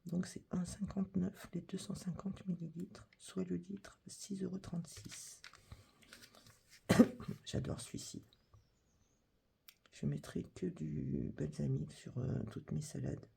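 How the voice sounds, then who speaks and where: A woman reading a supermarket catalogue aloud as whispered ASMR, with a breathy whisper and soft, chatty asides. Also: lowish voice, steady tone, takes it slowly, long pauses. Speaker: catalogue reader.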